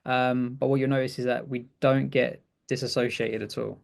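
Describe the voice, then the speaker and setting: A man with a mid-range voice, flat delivery and vocal fry co-presents a webinar at a moderate pace. He chats casually through a technical demo, restarting often, correcting himself and laughing easily.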